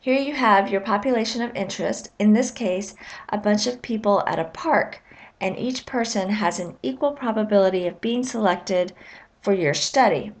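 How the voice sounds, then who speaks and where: A woman's voice: mid-range voice, moderate pace. Woman explaining probability in a lecture. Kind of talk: recorded lecture narration.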